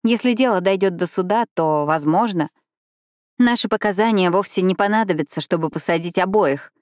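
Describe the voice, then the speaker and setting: A woman's voice: fairly low pitch, moderate pace, no room sound, clean studio sound, close to an everyday voice. A woman reading a determined young woman who keeps insisting firmly.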